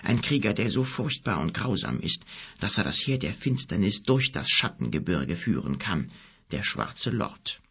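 A man voicing an old, weary wizard in an audiobook, speaking slowly and low, sometimes half in a whisper, with a husky, gravelly voice. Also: big pitch swings, full character voice. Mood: ominous. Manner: slow, low and hushed, half-whispered at times. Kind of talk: audiobook character reading.

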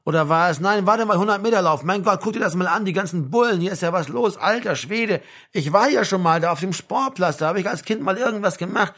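An eager, talkative young soldier, as a man reads him aloud who rambles from one thought to the next. The voice sits higher than the narration. It keeps up a steady, chatty flow. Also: fast talker, few pauses, full character voice. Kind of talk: audiobook character voice.

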